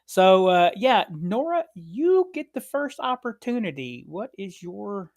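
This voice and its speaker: A man's voice: high voice, sing-song, slow, darkish tone. A man running a tabletop fantasy game as game master, narrating casually.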